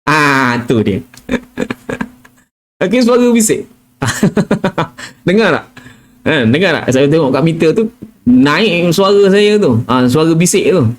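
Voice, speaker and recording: This middle-aged Quran recitation teacher has a Malaysian Malay accent and a fairly high, sing-song voice, speaking slowly with long pauses over a faint hiss or hum. He gives a casual live tajwid lesson, chatting freely and sprinkling in "kan?" and "ah." Now and then he demonstrates letter sounds, either whispering them or chanting them in recitation.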